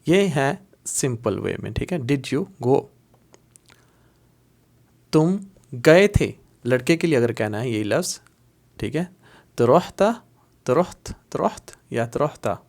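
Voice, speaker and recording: A man's voice: mid-range voice, animated, vocal fry, darkish tone. Man patiently teaching spoken Arabic phrases. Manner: patient, repeats words slowly for learners. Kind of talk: video language lesson.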